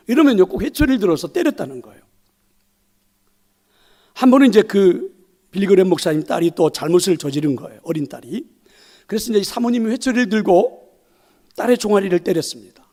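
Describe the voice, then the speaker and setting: Pastor guy preaching, pretty high voice, drops to whispers then gets loud again, lots of rhetorical questions. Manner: swings between loud emphatic lines and soft whispered asides; addresses the congregation directly, asks rhetorical questions. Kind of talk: sermon.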